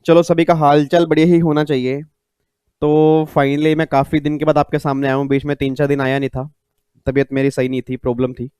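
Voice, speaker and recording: A man's voice: a little high, flat delivery, a little fast, darkish tone, clear, resonant tone, no room sound. A man teaching an exam-prep lecture in a chatty way, repeating key points and mixing in English terms. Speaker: tax tutor.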